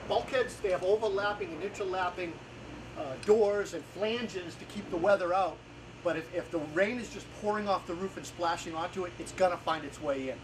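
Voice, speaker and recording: A carpenter in his forties who hosts a home improvement series explains a carpentry job hands-on, in plain, informal, step-by-step terms. His voice is a bit higher than most men's. The camera audio, captured outdoors in a house yard, is noisy with clear ambient sound.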